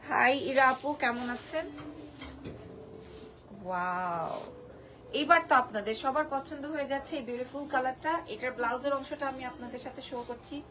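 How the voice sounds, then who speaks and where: Hoarse high-voiced woman selling saris live. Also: background noise. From Bangladesh. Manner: gushing, repeats prices and discount. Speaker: live-sale presenter. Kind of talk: live-stream sales pitch.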